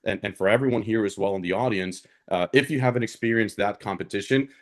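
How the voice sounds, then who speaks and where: A man's voice: lowish voice, fast. A man from Honduras, speaking as an alumnus guest on a panel in an earnest, conversational way that often checks in with the listener. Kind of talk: conversational career talk on a panel.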